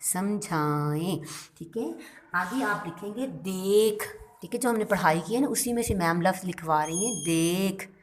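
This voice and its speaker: A woman's voice: mid-range voice, normal speed. A woman teaching young children, speaking patiently and checking in with them again and again. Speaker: primary school teacher. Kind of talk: recorded class lesson for young children.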